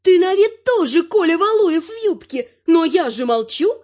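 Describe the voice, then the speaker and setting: A woman voicing a spry, sharp-tongued, bossy old grandmother in a brisk, scolding way. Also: very high-pitched, sing-song, voice pushed up. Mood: sly. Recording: muffled lo-fi recording.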